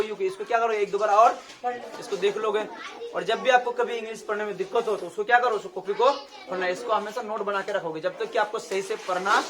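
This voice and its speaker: A woman teaching a class on English pronunciation. She spells words out letter by letter and keeps asking her students whether they follow. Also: medium pitch. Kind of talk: classroom lesson.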